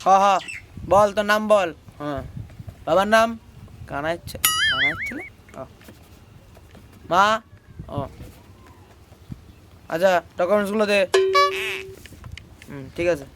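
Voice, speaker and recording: A man's voice: high voice, wildly swooping pitch, slow, long pauses, exaggerated voice. A man playing a crude, snappish village cyber-café operator who swears and barks orders in a comic sketch. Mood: gruff. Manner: coarse, swearing, barking orders. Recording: loud background noise.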